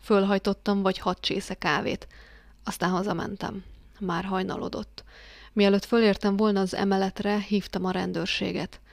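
A woman voicing a haunted, guilt-ridden father confessing in a flat, hollow tone that breaks into agitation. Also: mid-range voice, vocal fry, no room sound, lightly acted.

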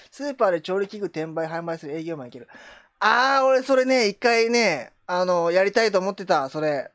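A woman's voice: medium pitch, dry recording, clean studio sound. A woman streamer chatting casually with viewers, joking and teasing herself. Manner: joking, self-mocking, reacting to chat. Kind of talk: casual live chat.

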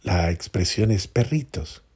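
A man preaching a homily as a priest, earnest, repeating phrases for emphasis and dropping to soft prayerful tones. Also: low-pitched, animated, unhurried, breathy edge.

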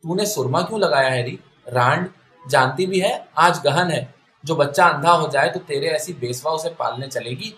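A man's voice: on the high side, roomy sound, lightly acted. A man reading the lines of a harsh, scolding old mother-in-law in a story. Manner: sharp, abusive scolding.

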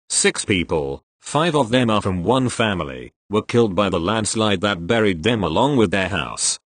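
A man reading a scripted news bulletin in a formal, measured manner. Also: lowish voice, no room sound. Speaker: news reader.

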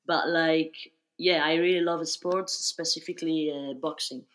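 A young woman talks easily as a podcast guest. Her speech is loose and chatty, full of fillers, at a middle pitch. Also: steady tone, a little slow, a bit bright. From Spain. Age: young adult. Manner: chatty, fillers like "like" and "you know". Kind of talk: casual interview.

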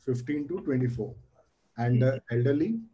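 Male quizmaster, North Indian accent, soft dark tone with a rough husky edge, informal revision session. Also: medium pitch, lively intonation, normal speed, muffled recording. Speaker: quizmaster teacher. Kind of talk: informal oral quiz revision.

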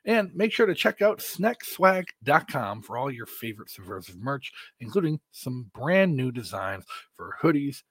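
An American man delivering a podcast monologue as host, in deliberate phrases with emphatic stresses. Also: medium pitch, sing-song, a bit bright, slightly rough, no echo.

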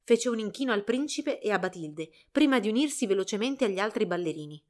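A woman reading a fairy tale aloud in an expressive storybook narration. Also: medium pitch, brisk.

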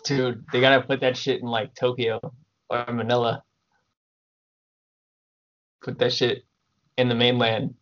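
A man's voice: mid-range voice, level tone, unhurried, long pauses, a bit bright. A young American man with a frat-bro way of talking hosts a casual podcast, swearing freely and leaning on slang. His voice sits mid-range, and the audio is dull and lo-fi, like a remote call. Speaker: podcast host.

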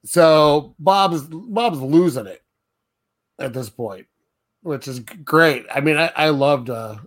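A man's voice: on the high side, slow. A man co-hosting a podcast, casually recapping a film's plot, laughing often and acting out quotes. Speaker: podcast co-host. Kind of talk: casual movie recap chat.

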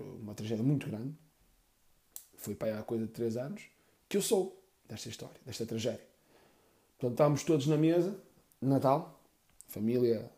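A man doing stand-up storytelling, crude and rambling with deadpan asides. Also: mid-range voice. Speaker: comedian.

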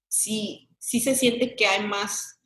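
A woman's voice: mid-range voice, steady tone, slow, fairly bright tone. A young Mexican woman, a comedy sketch creator, chatting animatedly as an interview guest, often laughing. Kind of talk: casual interview chat. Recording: echoey room.

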